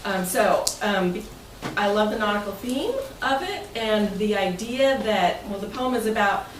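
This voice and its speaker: Speaking as club president at a meeting, a woman gives a chatty, joking presentation and asks the audience to answer. Her mid-range voice is animated and her speed normal, picked up from a distance in an echoey, noisy room.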